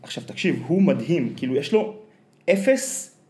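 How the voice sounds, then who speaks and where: A man's voice: a little high, expressive, mellow. Rambling Israeli man telling casual stories. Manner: rambling, colloquial, heavy use of slang fillers. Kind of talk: casual chat, telling personal anecdotes.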